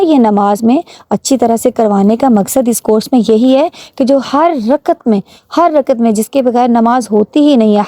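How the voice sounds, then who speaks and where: A woman teacher with a Pakistani Urdu accent speaks in a fairly high but soft, mellow voice. She recites slowly and carefully, then explains each word in calm, patient Urdu. The sound is close and dry, with no room around it. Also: no room sound. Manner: patient, slow drawn-out recitation, points out common mistakes. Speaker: religious teacher.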